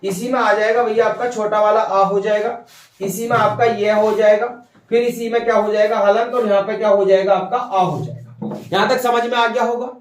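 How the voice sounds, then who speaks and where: A man's voice: high voice, steady tone, moderate pace, roomy sound, distant mic. A man teaching a Hindi grammar lesson, repeating points and often checking that his listeners follow. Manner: repetitive, checks understanding with "ठीक है" and "भैया".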